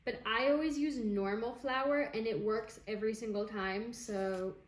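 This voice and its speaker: In a home kitchen, a young woman chats casually through a baking recipe step by step, relaxed and explaining as she goes. Her voice is fairly high, her pace measured, and the sound reverberant.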